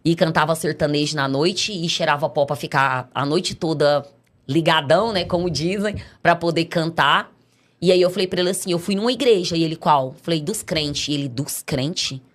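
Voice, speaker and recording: A woman's voice: deep voice, a little fast. A middle-aged Brazilian woman telling her life story as a podcast guest, acting out the voices of the people in her tale. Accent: Brazilian Portuguese. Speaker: podcast guest giving a testimony. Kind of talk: casual storytelling testimony.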